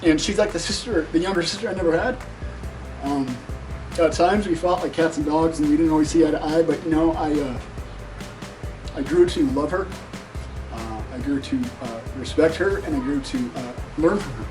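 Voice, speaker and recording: Emotional man, halting speech, distant mic, music behind. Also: fairly high pitch. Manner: emotional, halting, many ums. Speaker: surgical resident giving a graduation tribute. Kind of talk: unscripted speech at a ceremony.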